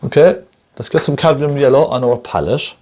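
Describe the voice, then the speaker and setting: Man, medium pitch, gentle painting instructor, encouraging, unhurried, casual step-by-step demonstration, thinking aloud. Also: dull audio.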